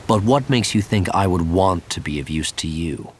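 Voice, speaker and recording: A man reading the lines of a calm, shrewd male Jedi master in a cool, measured way. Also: deep voice, slight background noise.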